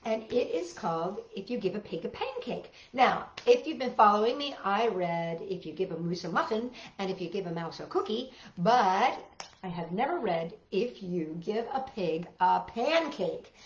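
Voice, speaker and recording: A woman hosts a children's storytime, reading aloud with exclamations and chatty asides to the young listeners. Her mid-range voice is expressive and normally paced, and the lo-fi recording sounds roomy and dull, with faint music.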